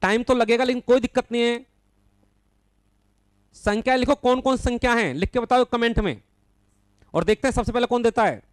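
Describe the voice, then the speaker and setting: A man with a very high, smooth voice leads a live online maths lesson, reading out students' names and checking each answer. He corrects mistakes bluntly but patiently, calls his students "son", and counts through long runs of numbers in a steady recitation. The sound is dry and close. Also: moderate pace, long pauses, no room sound. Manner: calls students by name, affectionately addresses them as son. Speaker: maths teacher.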